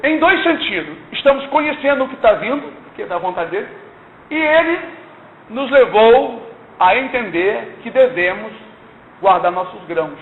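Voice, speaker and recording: A man's voice: high voice, expressive, normal speed. An older man giving an earnest, exhorting church testimony, often asking "não é?". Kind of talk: sermon-like testimony. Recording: tinny lo-fi recording in echoey room, faint hiss.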